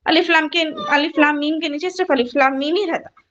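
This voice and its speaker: A woman's voice: sits high, steady tone, sharp tone, highs cut off, slight background noise. A woman tajweed teacher explaining recitation rules patiently, repeating each rule and asking her students questions. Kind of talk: online Quran recitation lesson.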